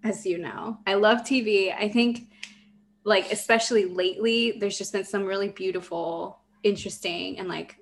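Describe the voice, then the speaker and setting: A young woman from Mexico co-hosting a casual podcast chat, enthusiastic and quick to laugh, swearing freely. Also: mid-range voice. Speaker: podcast co-host.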